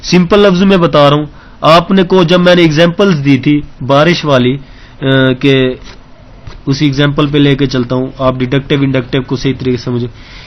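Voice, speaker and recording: Guy teaching logic for an exam, slightly high voice, walks thru examples and keeps asking got it?. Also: steady tone, highs cut off. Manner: explains step by step, mixes English terms into Urdu; keeps checking understanding with questions. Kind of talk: exam-prep lecture.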